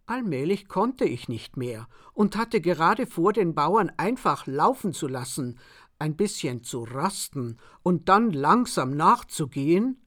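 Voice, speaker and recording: A woman narrating a humorous story in a measured storytelling manner. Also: fairly low pitch. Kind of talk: scripted narration.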